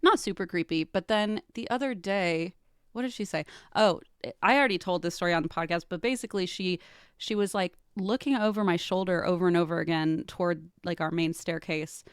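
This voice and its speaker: Animated woman telling stories, dry mic. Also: on the low side, fairly quick, smooth, no room sound. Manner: animated storyteller, acts out quotes. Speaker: podcast guest. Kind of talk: casual chat.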